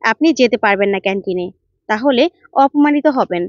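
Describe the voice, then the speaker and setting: A woman's voice: medium pitch, expressive, fairly quick, dry recording, lightly acted. Woman doing a firm, pleading young woman. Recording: dull dry lo-fi recording.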